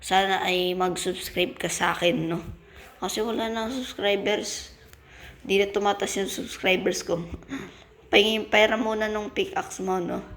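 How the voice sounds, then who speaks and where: A man with a Filipino accent hosting a gaming channel, giving excitable casual commentary as he plays and exclaiming when things go wrong. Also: sits high, unhurried. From Philippines. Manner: excitable, yelps and exclaims while playing.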